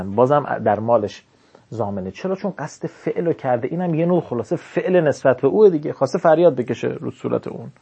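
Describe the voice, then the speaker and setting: Male jurisprudence teacher at mid pitch, reads a text line by line and unpacks each point, asks and answers his own questions. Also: creaky, warm tone, breathy edge. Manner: reads Arabic text then explains it in colloquial Persian, asks himself questions. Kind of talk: classroom lecture reading and explaining a text.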